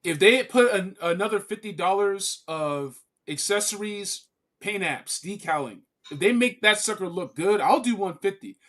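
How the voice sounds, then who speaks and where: A man's voice: high-pitched, animated, normal speed, fairly bright tone. A man chatting on a casual livestream, blunt and swearing casually.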